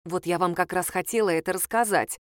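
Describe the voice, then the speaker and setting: A calm middle-aged woman sleuth speaks in a hushed, persuasive way, as a woman reader plays her. Her voice is smooth and clear, and it is recorded close and dry. The figure comes from an audiobook detective story. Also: fairly low pitch, brisk, no echo, close to an everyday voice. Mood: conspiratorial.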